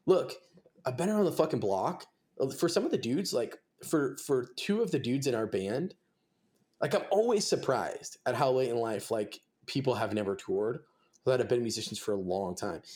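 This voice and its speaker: A man's voice: mid-range voice, lively intonation, moderate pace, a little mellow. A man in his twenties, a touring musician, chatting casually and rambling through stories with lots of fillers and swearing. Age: 20s. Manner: swears freely, rambling storytelling with many fillers. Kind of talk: casual podcast chat.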